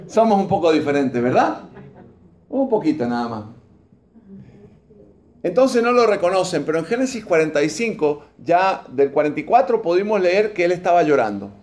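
A man past his mid-forties preaching from the pulpit, his voice sitting a little high for a man. He reads passages aloud and keeps turning to the congregation with questions. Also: a little mellow. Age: over 44. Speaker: pastor. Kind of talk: sermon.

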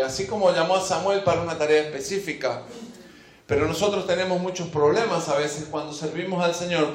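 A man preaching a sermon, reading scripture and then speaking straight to his listeners, stressing and repeating his key phrases. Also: fairly high pitch. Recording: echoey room.

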